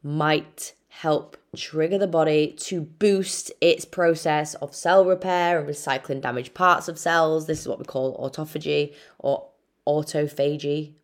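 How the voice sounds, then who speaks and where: A young woman with an Irish accent and a lowish voice hosts a solo nutrition podcast. She talks in a frank, chatty way, drops casual swearing and calls her listener babe. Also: steady tone, a little slow, hardly any pauses.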